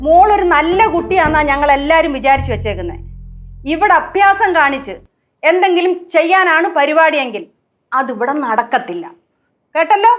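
A woman's voice: sits high, sing-song, moderate pace, soft background music. An actress playing a stern mother who questions and warns a young woman in a TV sitcom. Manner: firm, scolding. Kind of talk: sitcom acting.

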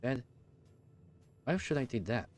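A man's voice: medium pitch, animated, measured pace, a little mellow, soft background music. A man in his thirties giving casual, hesitant, musing commentary as he plays a video game. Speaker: gaming streamer.

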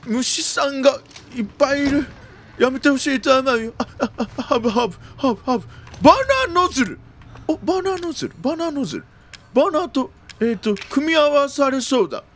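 A man doing jumpy let's-play commentary of a horror game, often repeating exclamations quickly and using old-man turns of phrase. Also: very high voice, animated, a bit bright, a little hiss or hum. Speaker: video game streamer.

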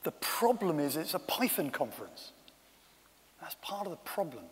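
A man's voice: a little high, very animated, moderate pace. A man giving a conference talk with wry, self-deprecating asides. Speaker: conference speaker. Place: conference room. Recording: long hall reverb.

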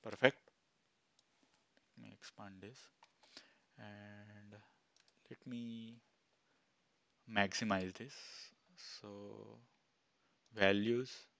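A man in his thirties, an instructor, talking step by step through a screen-recorded software tutorial on a headset mic, with fillers as he goes. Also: on the low side, little pitch movement, very slow, creaky, long pauses, no echo, dull audio. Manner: plain step-by-step, thinking aloud with fillers. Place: small room indoors.

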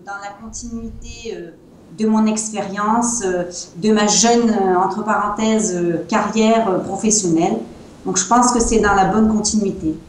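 A French wine seller from Provence, speaking with a Provençal accent, is interviewed as a guest over a video call from a small room at home. Her medium-pitched, darkish voice comes through earbuds with very echoey room sound, and she sounds hesitant, leaning on many fillers.

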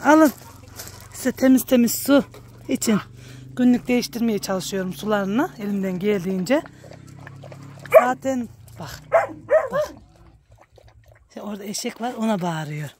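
A woman vlogging about her village life, chatting warmly with her viewers and calling out to her animals in a high coaxing voice outdoors. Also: lively intonation, unhurried, pauses often, heavy background noise. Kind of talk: casual vlog narration to viewers. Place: outdoors at a village farmyard and garden.

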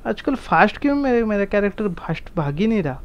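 A man streaming a mobile survival game, chatting casually and firing off repeated excited commands to his teammates. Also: high voice, fairly quick, muffled recording. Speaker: gaming streamer. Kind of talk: casual gameplay chat.

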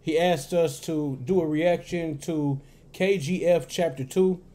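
A man's voice: fairly high pitch, fairly even intonation, unhurried, dark tone. A man from Arkansas, hosting a casual reaction video with loose, laid-back talk full of fillers. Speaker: reaction channel host. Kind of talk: casual chat.

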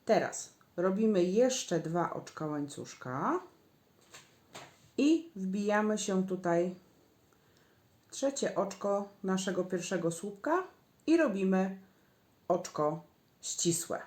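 Woman crochet teacher, unhurried step-by-step guidance, echoey room. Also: mid-range voice, animated, darkish tone. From Poland. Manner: slow, patient instructions, counting stitches aloud. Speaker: crochet instructor.

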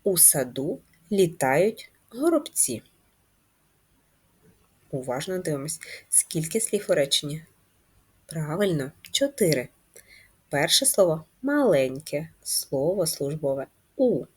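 A woman teaching a first-grade reading lesson, speaking patiently and clearly and stretching words into syllables. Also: deep voice, very animated, slow. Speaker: primary school teacher.

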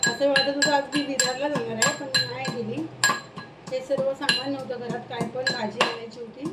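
A woman's voice: sits high, steady tone, brisk, roomy sound, distant mic, over loud music. A woman chatting casually in her home kitchen as she films herself for her vlog, sometimes talking sweetly to her pets. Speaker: home vlogger. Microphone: phone camera, self-filmed. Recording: noisy home phone recording.

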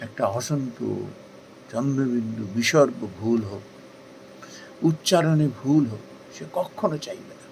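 A man giving a devotional talk in an earnest, persuasive way, asking questions and then answering them himself, with rising emphasis that softens again. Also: medium pitch, slight background noise, low-quality recording. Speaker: spiritual speaker. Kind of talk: devotional discourse.

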